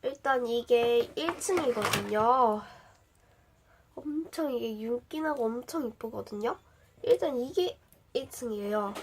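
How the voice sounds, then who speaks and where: In a noisy home-recorded vlog, a slime reviewer, a young woman with a slight cold, shows her slime and talks straight to viewers, asking them questions amid many fillers. Her voice runs on the high side and sounds a bit changed by the cold.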